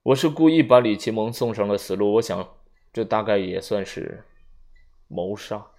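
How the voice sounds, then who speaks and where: A man reading an audiobook, voicing a calm, resigned older male general who speaks slowly and courteously. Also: fairly low pitch, natural voice. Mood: grave sorrowful. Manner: slow, grave and courteous.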